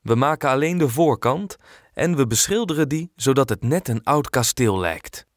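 A man's voice: mid-range voice, expressive, normal speed, no room sound, studio quality, close to an everyday voice. A man reading an easygoing, practical dad. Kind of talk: audiobook character voice.

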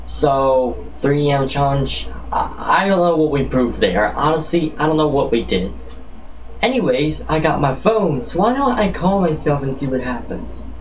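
A man's voice: on the high side, lively intonation, normal speed, distant mic, slight background noise, poor audio. A man rambling casually as a comedic challenge vlogger, with jokey, profane, exaggerated reactions.

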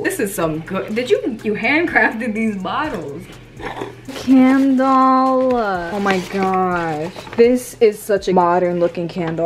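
A young woman in her twenties chatting casually while unboxing packages, excitable and gushing, with swearing, squeals and laughs. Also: medium pitch, noisy background. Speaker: vlogger.

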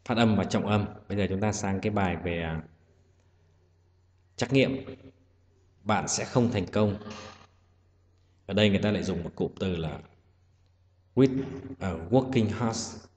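A man's voice: low voice, unhurried, pauses often. A man teaching an exam-prep English lesson, explaining each answer patiently, step by step. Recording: echoey room with loud hiss.

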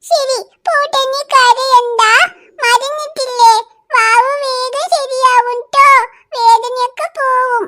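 A performer voicing a little girl in a cartoon, an earnest older sister who soothes her baby brother in a high, childlike voice. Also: fairly even intonation, slow pace, bright, forceful tone, exaggerated voice. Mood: soothing. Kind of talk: cartoon voice acting.

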